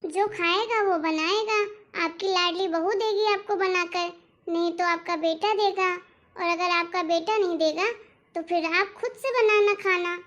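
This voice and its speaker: A fed-up middle-aged mother-in-law, voiced by a woman in a cartoon story, complaining with big dramatic sighs. The voice sits very high. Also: steady tone, a little slow, a bit bright, muffled recording. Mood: defiant. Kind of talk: cartoon voice acting.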